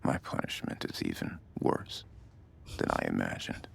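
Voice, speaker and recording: Self-pitying jailed killer, gravelly, hushed, deep, lively pitch, over music. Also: male voice, normal speed, exaggerated voice. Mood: brooding. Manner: brooding inner monologue. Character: imprisoned middle-aged male killer, bitter and self-pitying. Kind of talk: film drama voice-over.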